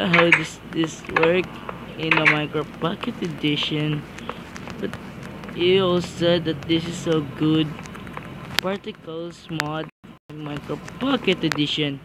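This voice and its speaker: A man casually showing off a game mod, excitable and halting, with fillers and chuckles. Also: a little high, gravelly. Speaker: mod reviewer. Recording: loud background noise.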